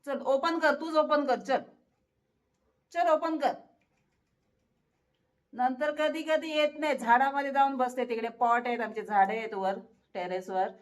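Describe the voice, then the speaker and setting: A woman's voice: high-pitched, steady tone, a little slow, long pauses. A woman, chatting to viewers and coaxing her cat at home, laughing often. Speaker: pet vlogger. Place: home, at a door to the terrace.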